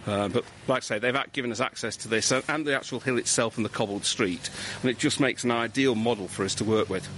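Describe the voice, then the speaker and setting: A man, a civil engineering lecturer, answering interview questions outdoors in a measured, explanatory way with frequent restarts. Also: medium pitch, a bit bright, a little hiss or hum. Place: outdoors on a hillside street.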